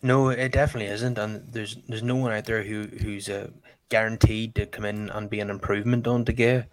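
Lower-pitched man hosting, dry close sound. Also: level tone, fairly quick, no room sound. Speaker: host of a football fan channel. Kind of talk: casual football discussion.

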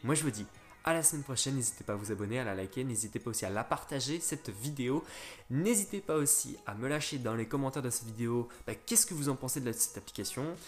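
A man's voice: mid-range voice, animated, fast talker. Man walking through a phone app. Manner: step-by-step, fillers and restarts, addresses viewers directly. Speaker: crypto tutorial host. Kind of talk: casual screen-recorded app tutorial.

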